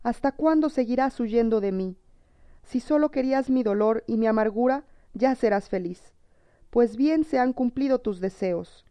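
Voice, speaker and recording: A woman's voice: a little high, normal speed, mellow, dry recording, natural voice. A woman voicing a cruel sorceress queen who whips her husband and wails for her lover in a storybook tale. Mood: imploring. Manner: imploring, theatrical.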